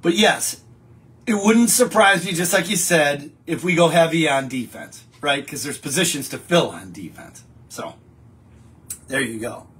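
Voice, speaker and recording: A middle-aged man answers viewer comments on a casual live stream, chatty and digressive, often restarting his thoughts. His voice is a little high and a bit bright, with lively intonation at a measured pace, recorded in a home studio with a wallpaper backdrop.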